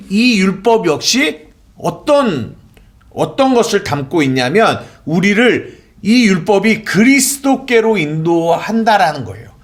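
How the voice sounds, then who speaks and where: A man's voice: high-pitched, fairly bright tone. A man preaching a sermon in a church, asking the congregation questions and answering them himself. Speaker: pastor.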